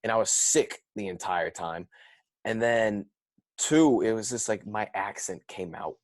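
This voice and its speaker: A man's voice: on the low side, a little slow, no room sound, clean studio sound. A young man with a Southern US accent, a comedian chatting casually as a guest on a podcast recorded over a video call, rambling and laid-back. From Georgia.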